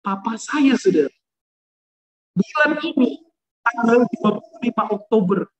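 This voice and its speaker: A man from Indonesia preaching an impassioned testimony, fervent, keeps speaking straight to the listeners, swinging between loud and soft. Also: very high voice, lively intonation, unhurried, echoey room, slight background noise, rough recording. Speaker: preacher giving a conversion testimony.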